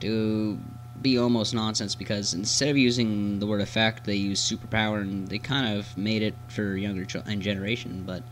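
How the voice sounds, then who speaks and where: A man hosting a casual interview, speaking in a halting, hesitant way. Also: fairly low pitch, little pitch movement, slight background noise, poor audio.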